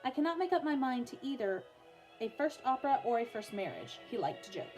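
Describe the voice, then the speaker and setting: A young woman with a high, sing-song voice speaks fairly quickly as she reads a biography to her music pupils. She's informal, slipping in asides and often interrupting herself to soothe a small child.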